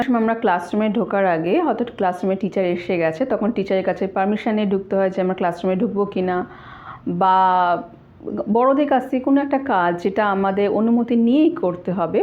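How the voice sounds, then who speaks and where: A woman teaching Japanese grammar in a casual online lesson, explaining slowly and repeating each example phrase. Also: mid-range voice. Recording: tinny, phone-like audio.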